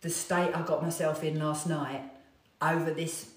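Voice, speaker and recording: A middle-aged woman, a fitness trainer, telling a self-mocking story to her viewers in a chatty, animated way. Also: sits low, measured pace. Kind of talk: casual storytelling chat to viewers. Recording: echoey room, distant mic.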